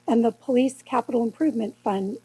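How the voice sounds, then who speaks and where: A woman reads council agenda items into a dais microphone in a steady, measured voice. Her tone is mellow and a little husky, pitched somewhat high. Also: low-quality recording. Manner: steady, measured reading of numbers and resolutions. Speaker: city clerk reading the agenda. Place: council chamber.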